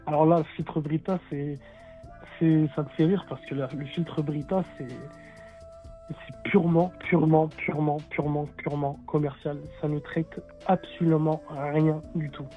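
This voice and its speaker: A man with a fairly high voice explains casually as a caller. He is halting and repeats himself, on dull lo-fi audio with faint music behind. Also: little pitch movement. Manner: halting, repetitive, informal. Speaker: caller, water technician.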